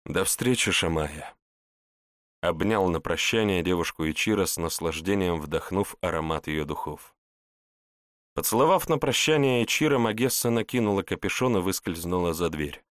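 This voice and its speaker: A man's voice: low-pitched, expressive, normal speed, no room sound, clean studio sound. A man narrating a scripted fantasy story as an audiobook reader.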